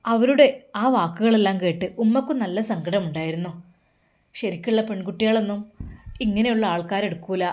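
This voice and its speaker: Brief: female storyteller, emotive plain narration, dark mellow tone. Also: medium pitch, fairly quick.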